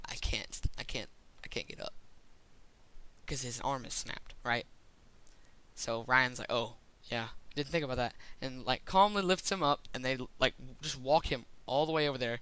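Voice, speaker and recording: Young man, casual storytelling vlogger, clear bright tone, dry recording. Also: on the high side, dry recording, rough recording. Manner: rambling, excitable, lots of fillers.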